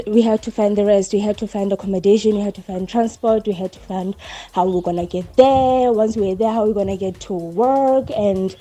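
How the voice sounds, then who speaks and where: A woman's voice: mid-range voice, mellow, a little hiss or hum. A woman from Bloemfontein telling a travel story in a chatty way, repeating her phrases. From Bloemfontein, South Africa. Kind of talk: casual testimonial.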